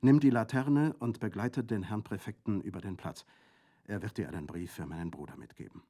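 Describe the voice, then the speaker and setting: A man's voice: fairly low pitch, a little fast, creaky, dark tone. A man reading aloud and voicing a passionate young Corsican woman who pleads and rages with fierce intensity. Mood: pleading. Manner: vehement, imploring. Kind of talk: audiobook reading.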